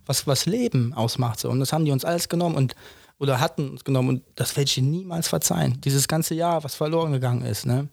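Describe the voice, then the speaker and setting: A man's voice: medium pitch, fast, vocal fry, a little mellow, no echo, studio quality. A man in his thirties co-hosting a podcast, talking bluntly and emphatically in casual chat, firing off rhetorical questions and tagging his points with "ne?". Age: 30s. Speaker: podcast co-host.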